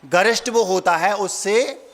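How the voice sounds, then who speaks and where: With hall reverb around him, a monk preacher delivers a folksy storytelling sermon, acting out family members' voices and posing questions to listeners. His voice sits high and is unhurried and fairly bright.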